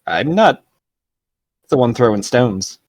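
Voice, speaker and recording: A sly cat merchant from a tabletop fantasy game, put on by a game master. The voice is mid-pitched and close and dry, with an unhurried, smug, flirtatious drawl that dodges every accusation. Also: very animated, a little mellow, no echo. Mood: smug, defiant.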